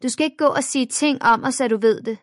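Snide and shrill, this is a schoolgirl bully who mocks and jeers at every turn, put on by a woman reading a children's book. The voice sits high and loud over a dry, close recording. Every line lands as a taunt. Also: no echo, close to an everyday voice. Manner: sneering, taunting.

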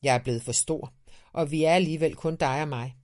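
A man's voice: fairly high pitch, fairly even intonation, a little mellow, voice pushed up, close to an everyday voice. A man voicing a grumpy, defiant little boy in a children's audiobook, sounding scornful and stubborn. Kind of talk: audiobook character reading.

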